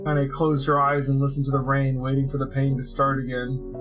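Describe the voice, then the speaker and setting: A streamer reads a story aloud in a steady, measured voice. His pitch sits in the middle range, and faint music plays underneath. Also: poor audio. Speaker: streamer reading game story.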